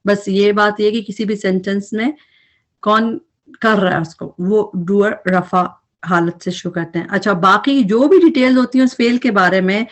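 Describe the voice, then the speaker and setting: A woman's voice: medium pitch, steady tone. A woman teaching an Arabic grammar recap lesson, explaining patiently and mixing English terms into her speech.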